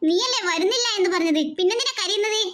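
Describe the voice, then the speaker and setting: Lady voicing a cartoon mom telling off her kids, high pitched, firm. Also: racing, very noisy. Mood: scolding. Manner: scolding, firm. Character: scolding mother of two girls. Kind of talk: cartoon voice acting.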